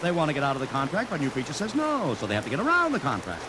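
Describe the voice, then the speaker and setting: This is 1940s radio acting: a man voices a pushy publicity promoter who wheels and deals in a salesman's patter. He pitches fairly high, swoops wildly up and down, and races along. Loud hiss and rain fill the old broadcast recording.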